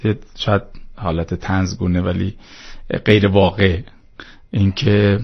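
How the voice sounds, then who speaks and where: Gravelly man arguing religious points. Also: low voice, little pitch movement, muffled recording. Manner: preachy, argumentative, hesitant fillers. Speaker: guest speaking on religion. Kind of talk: studio talk-show discussion.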